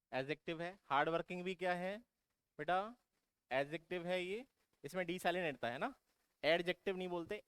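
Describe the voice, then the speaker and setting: A man's voice: on the high side, a bit bright, clean tone, no echo. Guy teaching vocab for exams, keeps going "right? yes?", clean dry close sound. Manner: constantly checks in with students, asking questions and answering them himself; calls students "beta". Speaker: exam coaching teacher. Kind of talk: vocabulary lesson for exam prep.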